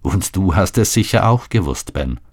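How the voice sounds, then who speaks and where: A man's voice: low-pitched, animated, normal speed, a little mellow. A man reading aloud, voicing a young woman torn between love and faith, with a trembling, earnest delivery. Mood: sorrowful.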